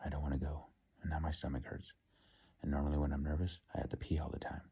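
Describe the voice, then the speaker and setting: A man's voice: very deep voice, completely flat delivery, fast, mellow, breathy edge. A man in his fifties recording a nervous, rambling video diary on his phone, first from a car and then from a hospital room. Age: 50s. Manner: nervous, rambling, self-deprecating. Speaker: vlogger.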